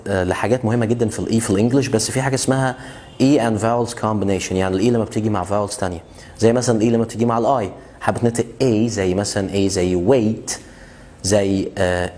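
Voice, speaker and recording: A man with an Egyptian Arabic accent giving a casual pronunciation lesson, repeating example words slowly and checking in with the learner. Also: on the low side, darkish tone. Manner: chatty, asks learners questions. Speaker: English teacher.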